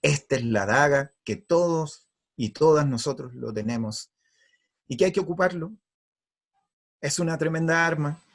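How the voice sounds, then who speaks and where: A man's voice: a little high, lively intonation, moderate pace, long pauses. A man giving an earnest, emphatic spiritual talk. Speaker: spiritual speaker.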